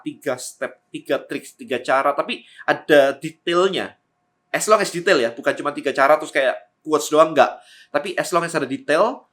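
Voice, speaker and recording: Fast-talking, bright-voiced man giving tips. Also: fairly high pitch. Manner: fast-talking, lively, energetic. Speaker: content creator giving tips. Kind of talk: energetic how-to talk to camera.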